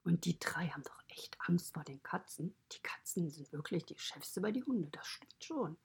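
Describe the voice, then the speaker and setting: Brief: cozy farmyard animal storyteller, whispered and gravelly, lowish, voiced by a woman. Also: expressive, moderate pace, exaggerated voice. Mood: friendly. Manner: mostly whispered, chatty and confiding. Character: friendly stable animal narrator, fond of children. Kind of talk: children's podcast storytelling.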